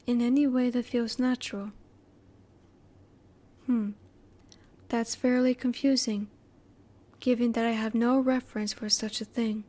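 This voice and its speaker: In an intimate audio roleplay, a woman plays a female alien with a slightly high but very soft-edged, relaxed voice. Curious and polite, she stays clinical and inquisitive, holding her emotions back as she speaks in measured, formal phrases.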